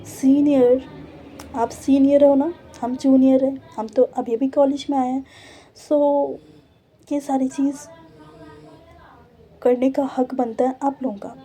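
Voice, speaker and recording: A cheeky young college girl with a mocking, defiant way of talking, as a woman storyteller puts her on. The voice sits a touch high but stays dark and mellow in tone. It is delivered in a spoken storybook style. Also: fairly even intonation, unhurried, close to an everyday voice. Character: sassy teasing young college girl, junior.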